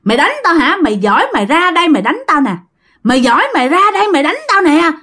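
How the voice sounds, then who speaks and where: A woman voicing a taunting female ghost up a tree, shrill and jeering. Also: big pitch swings, fast, bright, forceful tone, heavily acted.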